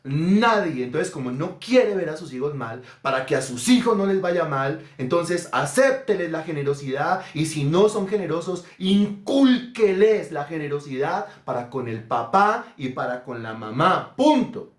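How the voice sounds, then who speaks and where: A man preaching a sermon in an emphatic way, briefly acting out parents and children in quick put-on voices. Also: fairly high pitch, lively intonation, reverberant. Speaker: pastor.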